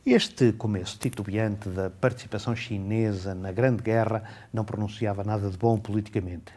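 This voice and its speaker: A man, speaking in a fairly low voice. He reviews a book in a calm, measured way and takes his time over each passage he reads aloud. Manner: measured, reads excerpts slowly and deliberately.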